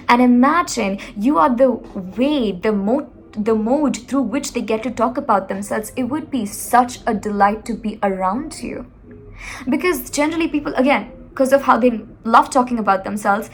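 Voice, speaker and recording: Expressive woman giving motivational advice. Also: on the high side. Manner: expressive, animated, addresses viewer directly. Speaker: communication skills coach.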